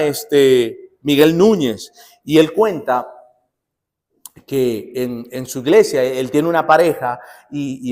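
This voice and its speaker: A male pastor from Nicaragua preaching a sermon, asking the congregation questions and acting out the quotes he cites. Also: mid-range voice. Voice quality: lively, swings between loud emphasis and soft asides.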